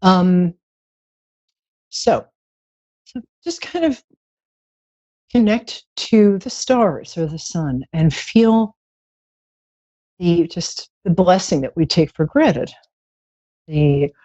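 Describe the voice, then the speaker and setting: A woman with a low, husky, mellow voice hosts a psychic show casually. She is playful and a little theatrical with her endearments. The sound is dry and slightly dull, like a lo-fi stream. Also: expressive, extremely slow, pauses often, no room sound. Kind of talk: casual chatty live show talk, guided relaxation.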